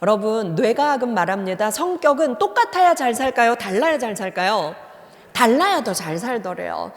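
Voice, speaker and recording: A woman psychology professor speaks at a church seminar in a lively lecturing manner. She often asks her listeners questions and briefly acts out the lines she quotes. Her voice sits a little high and carries a long church-hall reverb. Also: normal speed.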